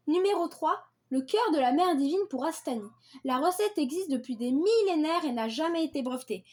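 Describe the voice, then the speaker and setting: A woman's voice: high-pitched, a little mellow. A woman presenting a list of dishes in a read-aloud style, repeating the same set phrases and stumbling now and then. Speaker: video creator presenting invented dishes.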